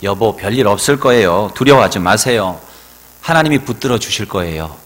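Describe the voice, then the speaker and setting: An exasperated church wife pleads with her husband, as a man telling a sermon story puts her on. The voice is lowish and lifts a little when it presses its point. It rings with the long reverb of a church hall. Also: animated, brisk, a bit bright. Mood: coaxing, exasperated.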